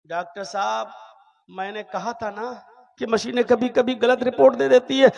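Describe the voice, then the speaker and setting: A man's voice: very high-pitched, level tone, moderate pace, gravelly. A man voicing a stubborn, tearful pregnant woman who keeps insisting in a raised voice. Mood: insistent. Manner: insistent, swearing oaths.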